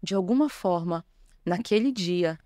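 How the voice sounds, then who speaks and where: A woman's voice: fairly low pitch, animated, a little slow, mellow, dry recording, studio quality. A woman, a bishop, telling her personal testimony in an interview, earnest and emotional. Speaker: bishop, guest.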